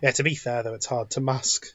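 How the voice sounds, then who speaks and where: A man's voice: mid-range voice, steady tone, a little fast, dull audio, crowd noise. A man co-hosting a podcast in casual chat, rambling and restarting his sentences often. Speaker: podcast co-host.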